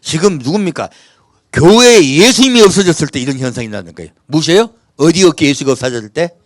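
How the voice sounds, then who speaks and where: A male pastor from South Korea's Jeolla region preaches a sermon, posing rhetorical questions and reading scripture in a measured cadence. His voice is on the high side and expressive, captured in studio quality with no room sound.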